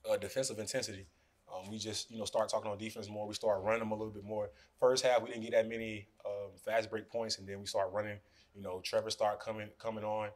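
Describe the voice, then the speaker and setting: At a postgame press conference, a twentysomething basketball player speaks quickly in a lowish voice into podium microphones placed in front of him. He's relaxed and casual, dropping "you know" again and again, with a sponsor backdrop behind him in the press room.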